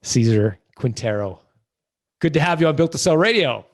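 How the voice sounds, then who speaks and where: A man hosting a business podcast, reading a steady introduction and then asking the guest short questions. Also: fairly high pitch, moderate pace. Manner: steady, clear delivery in intro, short prompts in interview. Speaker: podcast host.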